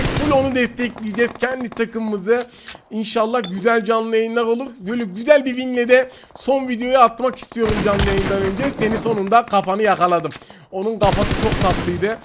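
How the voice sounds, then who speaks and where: A man with a strikingly high voice narrates a mobile shooter match as he plays. He talks excitably and erupts into frustrated shouting when shots go against him. Game gunfire and clicks sit loud under his voice. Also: noisy background. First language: Turkish. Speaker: gaming YouTuber. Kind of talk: live gameplay commentary.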